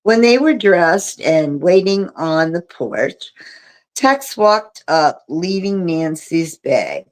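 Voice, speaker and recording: A woman reading a mystery novel aloud on a livestream, in a steady storybook manner. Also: lowish voice, slow. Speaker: reader.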